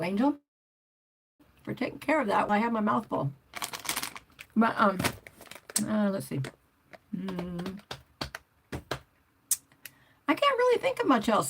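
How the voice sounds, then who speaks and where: Gravelly and medium-pitched, with slight background noise, the voice belongs to an older motorcycle vlogger chatting on a livestream. She rambles cheerfully, reading out comments from viewers and replying to each.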